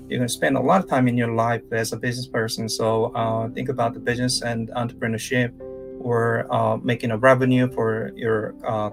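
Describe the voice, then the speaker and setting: In a live-streamed lecture, a thirtysomething career coach from South Korea speaks Korean-accented English haltingly, often restarting and using fillers. His voice is medium-pitched and creaky.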